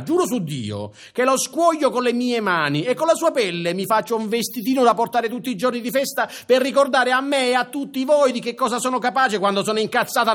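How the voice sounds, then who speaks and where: A male actor playing a furious local woman who shrilly threatens a whole town. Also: exaggerated voice. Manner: shrill, menacing, shouting threats.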